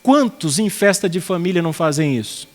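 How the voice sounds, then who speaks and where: A pastor preaches in an earnest, conversational way, his voice sitting a little high for a man. He leans on everyday anecdotes. Long reverb from a large hall trails his words. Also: expressive, brisk. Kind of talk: expository sermon.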